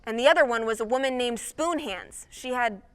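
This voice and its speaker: A brash, hot-headed time cop, played by a woman in a stage comedy, blurting out reports in quick, excitable bursts. Her voice sits fairly high. The sound rings with the long reverb of a theatre hall. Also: close to an everyday voice. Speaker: stage actor. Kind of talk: live stage comedy acting.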